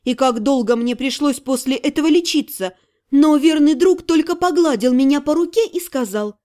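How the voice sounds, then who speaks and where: A woman narrating a first-person fantasy audiobook in an expressive, measured way. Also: sits high.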